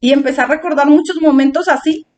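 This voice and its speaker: Woman preacher, high voice, emotional testimony sermon that acts out her own prayers. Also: steady tone, fast talker.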